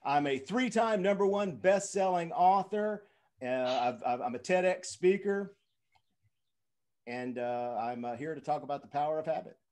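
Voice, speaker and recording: A man in his fifties giving a keynote speech, telling dramatic stories in a halting way with lots of fillers and restarts. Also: a little high, darkish tone. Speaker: keynote speaker.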